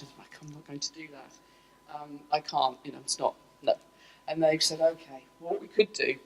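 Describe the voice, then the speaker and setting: A middle-aged woman, a scientist, giving a lively conference talk to an audience, with self-deprecating asides. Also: mid-range voice, rough recording. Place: lecture room.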